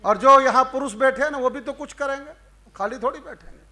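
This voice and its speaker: A man reciting patriotic verse live, chanting refrains and stretching lines slowly between crowd banter. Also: very high voice, bright, forceful tone. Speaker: stage poet and emcee. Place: live event before an audience.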